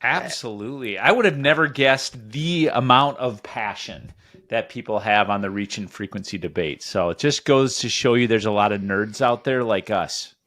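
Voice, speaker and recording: A man's voice: lowish voice, normal speed, fairly bright tone. A man on a podcast panel, making wry, joking remarks in casual banter.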